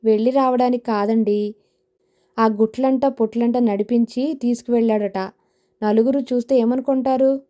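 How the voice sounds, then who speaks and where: A woman's voice: a little high, fairly even intonation, moderate pace, lightly acted. A woman voicing a fussy, irritated middle-aged mother who talks in complaints. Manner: complaining, sharp-tongued.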